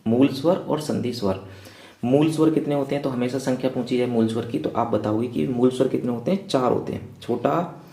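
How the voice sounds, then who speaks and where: A man's voice: medium pitch, brisk, vocal fry, dark tone. A male teacher giving an exam revision lecture, asking his class rhetorical questions and checking in with them over and over. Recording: echoey room.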